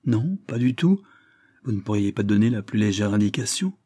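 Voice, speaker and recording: Un homme lit le rôle d'un officier de police qui interroge avec insistance dans un roman. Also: male voice, lowish voice, very animated, moderate pace, mellow, dry recording, studio quality. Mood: insistent. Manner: insistent, probing. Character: insistent male police officer questioning a witness.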